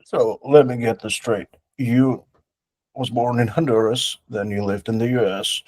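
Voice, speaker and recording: A man interviewing a guest, asking plainspoken questions in a measured, casual way. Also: mid-range voice, steady tone, darkish tone, no echo, rough recording.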